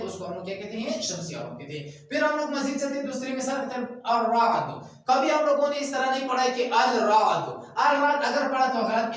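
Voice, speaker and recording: A man's voice: extremely high pitch, fairly bright tone, a little hiss or hum. A man teaching a grammar class, drilling his students with repeated questions and calling them "beta". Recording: very echoey room, voice from far off.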